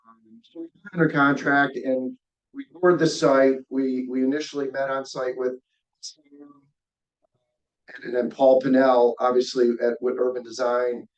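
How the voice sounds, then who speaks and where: Over a distant, breaking-up video call, a man pitches a real estate development plan to a community meeting, his medium-pitched voice flat in delivery. He halts, repeats words and keeps restarting, and being far from the speakerphone leaves the sound reverberant and dull, full of dropouts and cut-off word endings.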